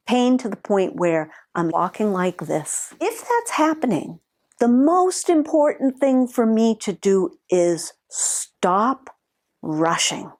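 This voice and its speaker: A middle-aged woman, a massage therapist, guides listeners through noticing their body's pain. She speaks in an unhurried, lower-pitched voice and takes long pauses between short phrases. Her delivery is calm and deliberate, shifting into a gentle demonstrative tone as she walks through each step. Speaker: massage therapist teaching body awareness. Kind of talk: calm instructional talk with personal story.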